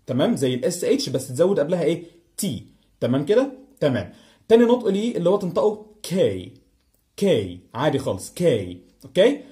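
A man's voice: fairly high pitch, sing-song, fast talker, mellow. A man speaking Egyptian Arabic, teaching English pronunciation and repeating each example word several times. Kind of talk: online pronunciation lesson.

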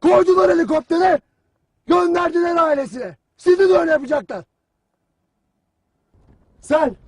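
A hard-bitten army commander barks and taunts his men in a war film. His voice sits unusually high for a man and cuts harsh and clipped. He keeps a grim, unsparing edge throughout. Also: moderate pace, a little mellow. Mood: grim lecture. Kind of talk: film trailer drama.

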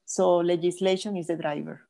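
An older woman from Venezuela, a guest geophysicist speaking in a measured, thoughtful way with many pauses over a video call headset. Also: fairly low pitch, steady tone, gravelly, warm tone. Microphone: earphone headset on video call.

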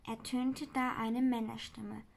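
A woman reading a children's book aloud, slowly and carefully. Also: a little high, little pitch movement, gravelly, a little mellow.

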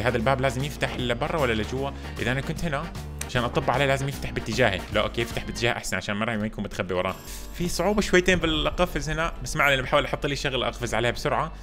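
Hyped young man narrating his gameplay. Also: mid-range voice. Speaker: gamer streamer. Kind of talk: excitable gameplay commentary. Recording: music playing under the voice.

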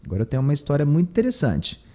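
A man's voice: a little high, huge pitch swings, very fast, dark tone. A man with a Brazilian Portuguese accent teaching English, translating phrases line by line and repeating words for emphasis. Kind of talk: bilingual lesson explaining English.

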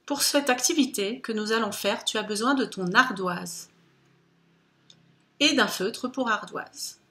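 A woman teacher giving a phonics lesson to young children, speaking slowly and patiently with careful articulation. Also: a little high, bright, forceful tone.

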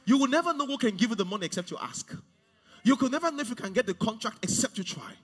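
A man in his forties preaching a sermon on a large church stage, swinging from hushed to loud. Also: extremely high pitch, big pitch swings, fast, husky, big-room sound, soft background music. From Nigeria. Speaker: pastor.

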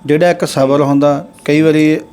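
A young man with a Punjabi accent speaks in a somewhat high, mellow voice. He talks earnestly as an interview host, lecturing in long, drawn-out phrases. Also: fairly even intonation, a little hiss or hum. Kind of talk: casual street interview and commentary.

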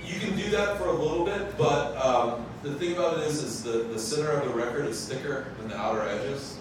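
A young man who owns a vinyl pressing plant chats casually to a live audience at a science cafe, his voice on the high side and fairly quick, full of fillers and self-corrections as he explains. He holds a handheld mic in a large brick-walled bar room, filmed from far off, so the sound is echoey and roomy with background noise.

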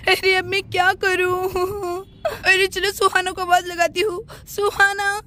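A woman's voice: extremely high pitch, level tone, measured pace, bright, forceful tone, full character voice. A woman voicing a flustered pregnant aunt who fusses and cries out in alarm in a doll story. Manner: fussing, exclamatory, panicky.

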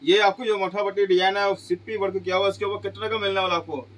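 A middle-aged man pitching goods in a small clothing shop, asking each price aloud and answering it with exclamations. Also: little pitch movement, fast, slight background noise, low-quality recording. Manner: repeats prices as questions, exclaims "wah ji wah". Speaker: shop seller. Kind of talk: sales pitch.

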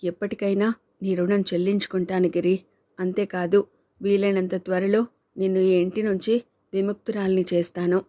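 A woman voicing a weary, brooding husband with a low-key, resigned way of speaking. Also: flat delivery, moderate pace, mellow, dry recording, lightly acted. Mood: earnest.

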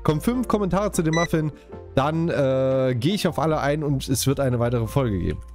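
Gaming YouTuber, man from Saxony, lively pitch, light music behind. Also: moderate pace. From Saxony, Germany. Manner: chatty, jokey, talks straight to viewers. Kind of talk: casual let's-play commentary.

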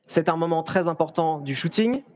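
On stage at a trade fair held in a large indoor hall, a young photographer speaks at normal speed to the audience through a headset mic that carries his high voice. His live presentation is talkative and energetic, full of restarted sentences and jokes aimed at the crowd.

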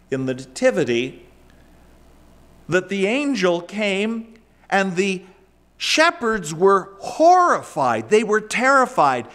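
A middle-aged pastor preaches slowly and deliberately in a church sanctuary, his fairly high voice rising and falling for emphasis. He speaks into a lectern microphone, gesturing as he drives each point home. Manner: emphatic preaching with wide swings in pitch and loudness, gesturing. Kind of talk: sermon.

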